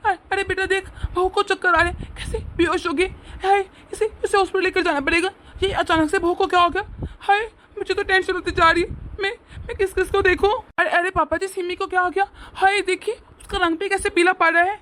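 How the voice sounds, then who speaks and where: Woman doing a bossy fatherly old-ish dad, theatrical, highish voice, cartoon family drama. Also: fairly even intonation, brisk, fairly bright tone, a little hiss or hum. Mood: fake panic. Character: scheming but kindly middle-aged father-in-law. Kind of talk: animated family drama voice acting.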